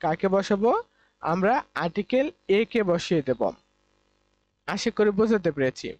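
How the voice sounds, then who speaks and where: A teacher from Bangladesh walks students through exam grammar, asking a question and then answering it, circling back over the same point. The voice sits at a middle pitch and comes through a dull, dry close-mic recording. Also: animated, moderate pace, a little mellow, dry recording. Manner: repetitive, asks and answers own questions. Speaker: English teacher. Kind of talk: exam-prep lesson in Bengali.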